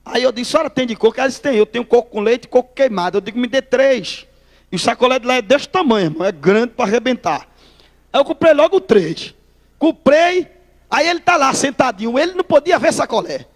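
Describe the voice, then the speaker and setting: A man's voice: extremely high pitch, fairly quick, big-room sound. A man from Northeast Brazil, telling his testimony in a sermon, acting out the dialogue as he goes. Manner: lively storyteller acting out dialogue, addresses listeners as brother. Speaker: preacher giving testimony.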